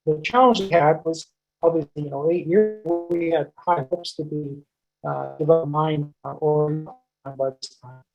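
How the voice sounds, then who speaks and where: A man speaking in a webinar over a video call whose audio keeps breaking up, halting with frequent pauses. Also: a little high, fairly even intonation, creaky, dull audio, faint music behind. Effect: choppy breaking-up online call audio. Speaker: industry panelist. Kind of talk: webinar panel answer.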